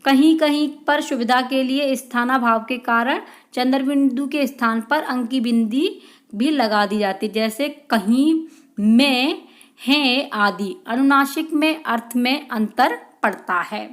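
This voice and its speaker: Woman teacher going through exam questions, slightly high voice, keeps saying friends. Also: slow. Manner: reads out questions and answers them, calls viewers friends. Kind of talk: exam-prep lesson.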